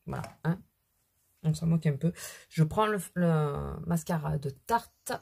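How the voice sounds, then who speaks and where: Middle-aged woman vlogger with a cold, slightly low, mellow tone; casual, self-deprecating beauty chat. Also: unhurried, gravelly, a little hiss or hum. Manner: chatty, rambling, self-deprecating asides. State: has a cold. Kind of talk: casual makeup vlog chat. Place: at home at her mirror.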